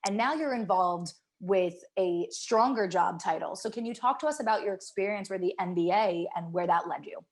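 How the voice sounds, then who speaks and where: A woman's voice: mid-range voice, normal speed, hardly any pauses. A woman hosting a casual podcast interview, upbeat and enthusiastic as she asks questions. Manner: enthusiastic, upbeat, full of shout-outs. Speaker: podcast host.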